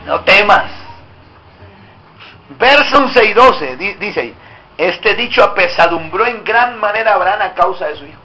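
A man's voice: extremely high pitch, bright, forceful tone, low-quality recording. A male pastor preaching an emphatic sermon and prompting his congregation to answer back. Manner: emphatic, drawing call-and-response from the congregation.

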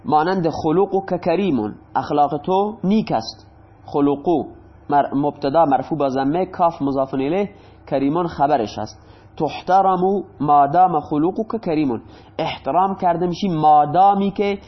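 A male teacher giving a grammar lesson, patiently repeating examples and asking questions that he then answers himself. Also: fairly high pitch. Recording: dull lo-fi recording.

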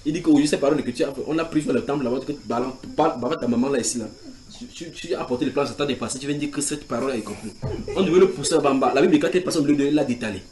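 This house-church preacher races along in a mid-range voice while teaching from the Bible. Animated throughout, he reads passages of scripture aloud and quizzes the group with questions.

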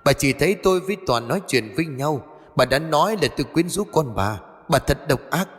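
Young female ghost, bitter and accusing, quick delivery; male narrator plays her. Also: a little high, expressive, in a large hall, natural voice. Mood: vengeful. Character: vengeful ghost of a young woman.

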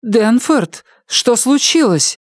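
A woman voicing a meek, terrified housewife who cries and pleads in a shrill, panicked voice. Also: expressive, slow, dry recording, clean studio sound. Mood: frightened. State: crying. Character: terrified, meek older housewife being hurt.

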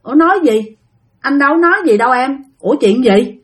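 A woman's voice: high-pitched, animated, brisk. A woman voicing a confused young man who is puzzled and keeps asking questions. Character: confused young man, unaware of anything odd.

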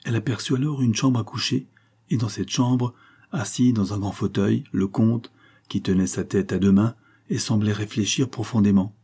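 A man narrating an audiobook novel in a steady, even storytelling manner. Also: on the low side, moderate pace, slightly rough. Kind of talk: scripted narration.

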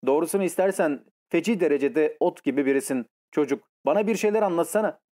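A woman's voice: sits low, fast talker, warm tone. A man reading an audiobook and voicing a playful young woman who coaxes and mocks. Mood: teasing. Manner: coaxing, mocking.

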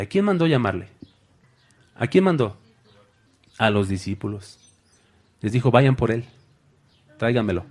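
A man delivers a sermon in a mid-range voice, addressing his listeners as brothers. He acts out Bible figures with sudden loud cries. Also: mid-range voice. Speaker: preacher.

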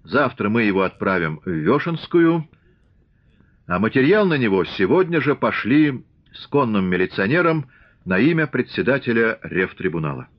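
A man's voice: fairly low pitch, very animated, moderate pace, highs cut off. A man reading a stern commissar, curt and commanding. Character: stern middle-aged male revolutionary commissar.

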